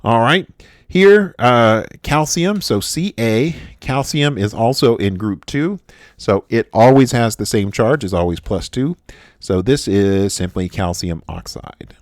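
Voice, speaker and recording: A male American chemistry instructor gives a recorded lecture in a medium-pitched voice with lively intonation. His delivery is halting, full of "uh" fillers and restarts, captured in clean studio sound with no echo.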